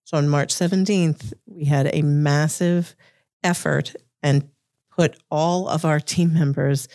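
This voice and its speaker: Boston woman with a creaky voice. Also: low-pitched, fairly even intonation, slow pace, warm tone, no room sound, studio quality. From Revere, Massachusetts, United States. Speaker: interview guest, corporate lawyer. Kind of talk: thoughtful interview answers.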